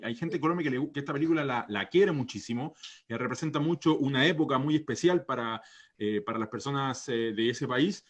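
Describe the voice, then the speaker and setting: A man's voice: fairly high pitch, lo-fi sound. A Chilean man hosting an online panel discussion, talking in a hesitant way with many fillers and restarts. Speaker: host.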